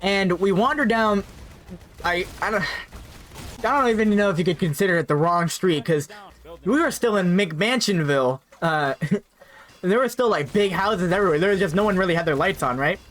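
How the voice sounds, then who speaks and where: A young man with a fairly high voice recounts a personal story in a casual storytime manner. He rambles, repeats himself and tags his sentences with "right?" asides. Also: expressive, moderate pace, a bit bright.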